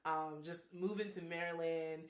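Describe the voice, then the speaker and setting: A woman's voice: lowish voice, fairly even intonation, measured pace, echoey room. A young woman from Nigeria with a Nigerian accent, chatting playfully as a podcast guest and laughing often. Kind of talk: casual chat.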